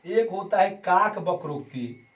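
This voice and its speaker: Male grammar teacher, slow and explanatory, drawing out key terms, recorded from a distant mic. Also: high voice, expressive, muffled recording. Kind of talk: exam-prep grammar lesson.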